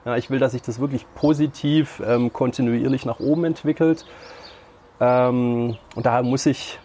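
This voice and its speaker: Flat-voiced man explaining, many fillers. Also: medium pitch, a little hiss or hum. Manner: halting, frequent fillers. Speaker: podcast guest. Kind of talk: casual explanatory chat.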